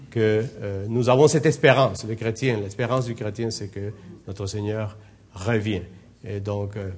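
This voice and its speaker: A man with a foreign accent leading a Bible study, exhorting the group and often pausing, with many fillers and restarts. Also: mid-range voice. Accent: non-native French accent. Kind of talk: informal Bible study teaching.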